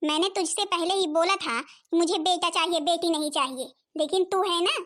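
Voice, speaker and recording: Cartoon saas, bossy and nagging, very high voice. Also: female voice, moderate pace, a bit bright. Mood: scolding. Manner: nagging, scolding. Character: scolding, stingy older mother-in-law who favours grandson. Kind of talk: cartoon comedy voice acting.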